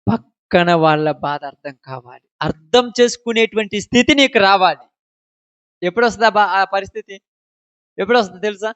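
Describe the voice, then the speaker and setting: A male pastor preaching a sermon. He fires rhetorical questions at his listeners and swings from loud declarations to low asides. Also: brisk, clean tone, dry recording. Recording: dull, dry lo-fi recording.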